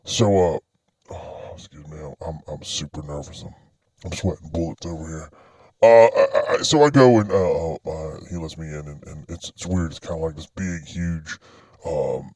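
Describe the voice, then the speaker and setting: A man playing a frightened military private, stammering and halting in a disguised deep voice through a voice changer. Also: darkish tone, breathy edge, no echo. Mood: nervous, scared. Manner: nervous, halting, stammering, repeating words. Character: frightened anonymous military private telling his secret story. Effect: pitched-down voice changer. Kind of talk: confessional testimony for a podcast.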